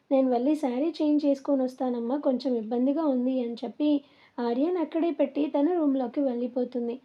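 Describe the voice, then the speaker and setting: High-voiced woman storyteller. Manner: steady, plain storytelling. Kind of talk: serialized audio story narration. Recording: dull lo-fi recording.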